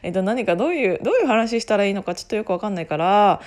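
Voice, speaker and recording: Husky-voiced woman in casual solo chat. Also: mid-range voice, expressive, very fast, a little mellow. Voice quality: husky, hoarse voice. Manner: rambling, self-interrupting, often laughing at herself. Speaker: podcast host making an announcement.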